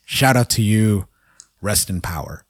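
A man's voice: lowish voice, lively intonation, unhurried, slightly rough, dry recording, studio quality. A man co-hosting a casual podcast, chuckling at his own jokes and stumbling over foreign words. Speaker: podcast co-host.

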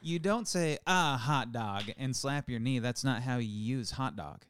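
A man's voice: mid-range voice, animated, moderate pace, a little hiss or hum. A man in his forties co-hosting a podcast, chatting casually with playful teasing and rambling restarts. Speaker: podcast co-host. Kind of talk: casual chat.

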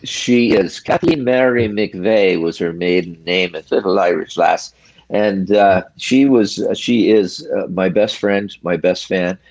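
An older man, a retired hockey referee, telling stories from his career in a casual interview, measured and reflective, in short pausing phrases. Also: deep voice, a little mellow, dry recording.

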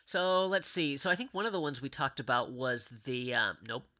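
A man's voice: mid-range voice, expressive, normal speed, pushed and bright. A man from Pittsburgh, an organist, chatting casually in a conversation, hesitant with many fillers and restarts. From Pittsburgh, USA. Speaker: organist guest.

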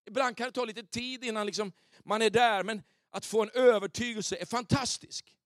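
A male pastor preaching an animated sermon in a church, often checking if the congregation is with him. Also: sits high, dry recording, studio quality. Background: soft keyboard pads.

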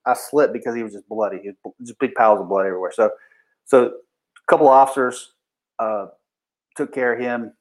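A man's voice: medium pitch, a little fast, long pauses, rough recording. A man who is a police officer, telling a story in a casual, blunt way full of swearing and restarted sentences. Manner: acts out what people said in raised voices. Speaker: police officer recounting a shooting.

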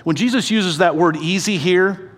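A man preaching a sermon in an earnest, conversational way, asking the audience questions and slowing down, sometimes dropping to a hushed voice for emphasis. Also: sits high, in a large hall. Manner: slows down and drops to a soft, hushed voice for emphasis. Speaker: pastor.

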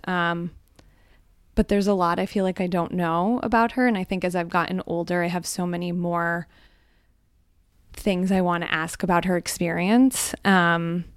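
A woman on the hot seat at a live event, telling personal stories in a candid, reflective way with frequent soft ums. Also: on the low side, clean tone, no room sound, studio quality. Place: live event before a small audience.

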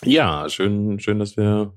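A man's voice: lowish voice, animated, takes it slowly. A man with a German accent co-hosting a podcast in casual chat, hesitant, with many fillers and restarts. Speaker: podcast co-host.

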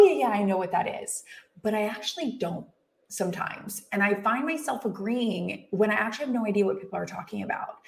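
A woman's voice: medium pitch, gravelly, echoey room. A woman hosting a podcast, asking rambling, casual questions full of restarts and fillers. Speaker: podcast host.

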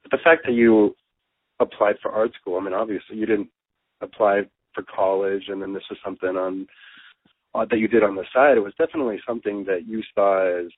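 A man's voice: on the low side, fairly even intonation, brisk, slightly rough, no room sound. A man interviewing a guest, putting his questions casually and restarting them often as he goes. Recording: dry, narrow phone-like sound.

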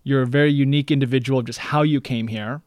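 A man hosting a podcast, his voice in an ordinary middle pitch. He talks in a chatty, meandering way. The sound is dry and close, with no room echo. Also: fairly even intonation, quick pace, darkish tone. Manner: chatty, meandering questions full of "you know". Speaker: podcast host. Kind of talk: casual interview.

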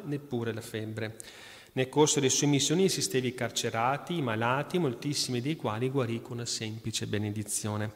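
A man reading aloud the life of a saint in Italian-style sermon fashion, breaking off into quiet conversational asides to his listeners. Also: medium pitch. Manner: reads then drops into quiet conversational asides. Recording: long hall reverb.

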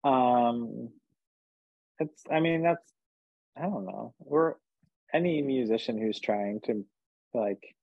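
A man's voice: mid-range voice, expressive, slow pace, vocal fry, pauses often, husky, dry recording, phone-quality sound. A man from New Jersey, a musician guest, chatting casually in a rambling, joking way with lots of fillers. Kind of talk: casual interview chat.

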